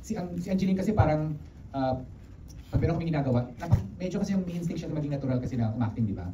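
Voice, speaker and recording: Rapid-talking Filipino man director. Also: fairly high pitch. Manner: rapid, animated, mixing English into Filipino, many restarts. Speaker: film director. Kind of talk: press conference answers. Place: media conference room. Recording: dull, roomy, distant, with background noise.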